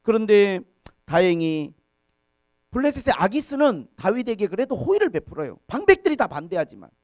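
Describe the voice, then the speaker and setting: A man's voice: sits high, big pitch swings, moderate pace, no room sound. A male pastor delivering a sermon in a church, his voice rising sharply on points of emphasis.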